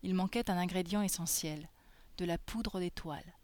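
A woman reading a fairy tale aloud in a soft, gentle storytelling manner. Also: fairly low pitch, moderate pace, no room sound.

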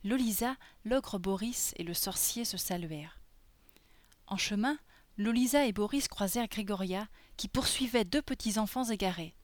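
Brief: woman storyteller, gentle read-aloud, mid pitch, dry close sound. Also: moderate pace, no echo. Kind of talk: reading a fairy tale aloud.

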